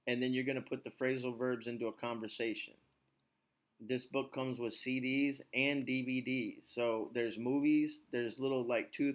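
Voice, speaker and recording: A man hosting his podcast as an English teacher, talking in a relaxed, reassuring, rambling way. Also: mid-range voice. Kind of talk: casual chat.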